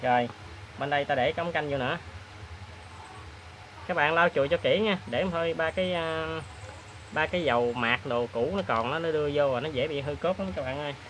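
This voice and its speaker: A man hosts a hands-on repair demonstration, talking in a chatty, plain-spoken way with many filler pauses. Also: on the high side, fairly bright tone, slight background noise. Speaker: repair tutorial host.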